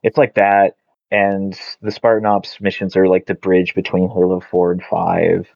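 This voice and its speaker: Over a video call, a podcast co-host, a man, rambles casually about video games, filling his talk with filler words. He speaks at a measured pace in a low-pitched, monotone voice with vocal fry, and there's no echo. The audio sounds dull and lo-fi, as calls do.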